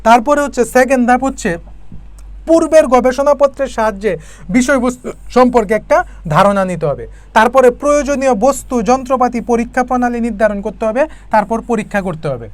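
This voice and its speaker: A woman's voice: a little high, fast, a little mellow, dry recording. A woman from Bangladesh, teaching an online chemistry lesson for exam prep. She explains step by step and keeps asking her students questions.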